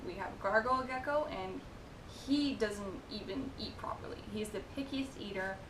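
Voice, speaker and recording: Young woman reading viewer questions, echoey room. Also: normal speed. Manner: chatty, reads questions aloud, giggly asides. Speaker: vlogger answering viewer questions. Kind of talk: casual Q&A chat. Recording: echoey room with noisy rumble.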